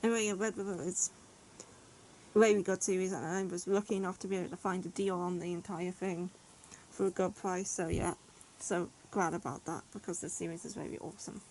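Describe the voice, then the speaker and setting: A woman's voice: lowish voice, steady tone, brisk, a little mellow, a little hiss or hum, rough recording. Chatty woman rambling about manga. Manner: chatty, rambling, frequent "like" and "yeah". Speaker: manga reviewer. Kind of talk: casual video review.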